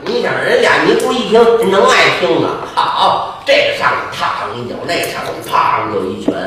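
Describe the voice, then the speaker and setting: A man's voice: moderate pace, distant mic. Swooping comic storyteller man. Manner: lively, swooping, shifting pitch often. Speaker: solo crosstalk storyteller. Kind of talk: live solo comic storytelling. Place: theater stage with live audience. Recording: echoey theater from afar, faint ambience.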